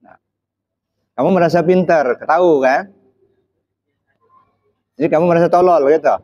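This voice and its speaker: A man's voice: on the high side, normal speed, darkish tone, slight background noise. A man giving an interactive religious talk, putting questions to the audience and pressing them to answer, with frequent short "ya" checks between phrases. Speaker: Islamic preacher. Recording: slightly dull, muffled recording.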